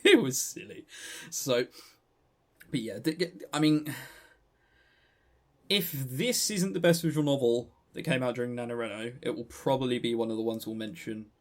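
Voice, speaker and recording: At a moderate pace and medium pitch, an English co-host of a podcast gives a relaxed, meandering review. He frequently stammers, repeating words as he goes.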